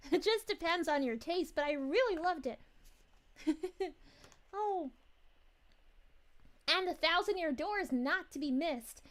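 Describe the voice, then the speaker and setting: Casting: a sweet young cartoon princess streamer, extremely high-pitched, gushing, giggly, cooing, chatty. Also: female voice, expressive, slow pace, pauses often, full character voice. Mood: enthusiastic, chatty. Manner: gushing, giggly, exclaims with cooing woo-hoos. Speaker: livestream host. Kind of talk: casual livestream chat, reading viewer messages.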